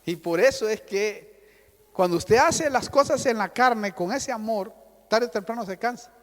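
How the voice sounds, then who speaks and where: A man preaching a sermon as pastor, calling his listeners "hermano", with sudden loud outbursts and dramatic quoted voices. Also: high-pitched, moderate pace, big-room sound. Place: church hall.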